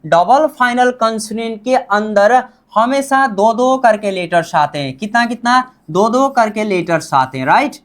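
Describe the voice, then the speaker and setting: A man's voice: high voice, animated, a little slow, few pauses. A man teaching a Korean lesson, drilling words by repetition and asking and answering his own questions. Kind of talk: classroom lesson.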